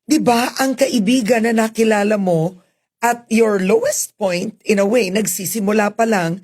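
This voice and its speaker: Husky Filipino-accented woman interviewer. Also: medium pitch, measured pace, a little mellow. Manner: brief prompts and back-channel replies. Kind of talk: interview questions.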